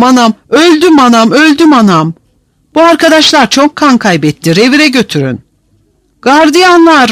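A man doing a shrill, wailing prisoner. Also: fairly bright tone, no room sound, heavily acted. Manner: shrill, pleading cries. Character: wailing, frantic male religious prisoner.

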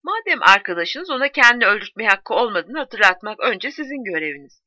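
A woman's voice: mid-range voice, big pitch swings, fairly quick, bright, forceful tone, no room sound, exaggerated voice. A woman voicing a frantic young village postwoman in a read-aloud novel, pleading and insistent. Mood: desperate. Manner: urgent, insistent, rising to cries.

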